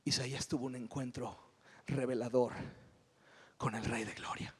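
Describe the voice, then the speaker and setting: A man with a Mexican accent preaching a sermon as pastor, animated and humorous, retelling stories with drama. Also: medium pitch, moderate pace, husky, long reverb tail. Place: church hall.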